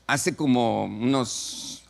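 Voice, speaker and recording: A man's voice: medium pitch, very slow, creaky. A man preaches by telling a story in a chatty way, often repeating himself and checking that listeners agree. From Mexico. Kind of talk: storytelling sermon.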